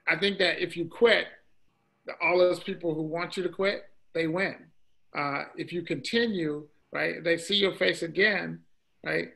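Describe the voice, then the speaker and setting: A debate coach on a panel, speaking in a steady way and checking in with "right?" after his points. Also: a little high, vocal fry, low-quality recording. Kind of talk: panel discussion answer.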